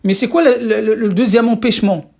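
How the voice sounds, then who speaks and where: An Arabic teacher leads a live online class over a phone or computer mic on a live stream, patiently questioning and frequently checking that everyone follows, often repeating words as the next phrase comes. The voice is medium-pitched, gravelly and darkish, a little fast, with fairly even intonation.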